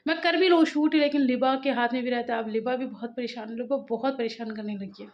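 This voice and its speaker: A woman's voice: a little high, fairly quick. A young woman and mother chatting casually to her viewers in a home vlog, rambling on about her day as she films on her phone. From Uttar Pradesh, India. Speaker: family vlogger, mother. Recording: dull lo-fi phone audio with faint household noise.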